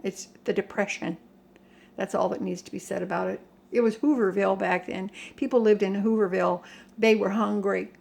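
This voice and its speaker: An older American woman giving a casual rant to viewers in a halting, emphatic, plain-spoken way. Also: mid-range voice, fairly even intonation, creaky, darkish tone. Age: older, 60s or above. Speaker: home vlogger. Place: home kitchen.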